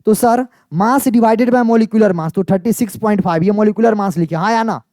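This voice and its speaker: A man's voice: high-pitched, normal speed, mellow, no room sound, clean studio sound. A man teaching chemistry in a chatty, teasing exam-prep lecture, often asking his students yes or no. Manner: playful, teasing, asks students yes or no again and again.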